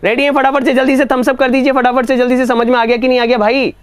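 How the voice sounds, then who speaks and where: Clear-voiced male teacher. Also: extremely high pitch, little pitch movement, dry recording. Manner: coaxing, keeps asking if students understood; reads statements out slowly. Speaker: exam coaching teacher. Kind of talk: online reasoning lesson.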